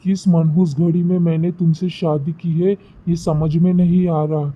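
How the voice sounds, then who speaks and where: An exasperated young husband who scolds his wife in a flat, even tone, as a man voices him. The recording is slightly dull and lo-fi. It sounds like a cartoon storybook. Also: a little high, moderate pace, slightly rough.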